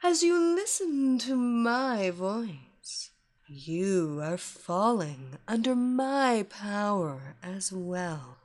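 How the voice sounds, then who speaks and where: A woman voicing a commanding, seductive female hypnotist who draws her listener into her power with a slow, soothing, repetitive cadence. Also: mid-range voice, very animated. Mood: hypnotic, commanding. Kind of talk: hypnosis story reading.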